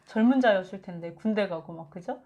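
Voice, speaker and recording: A woman giving a conversational Bible teaching, lively and acting out quotes from scripture. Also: mid-range voice, fairly quick, muffled recording. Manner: animated, acts out biblical quotes.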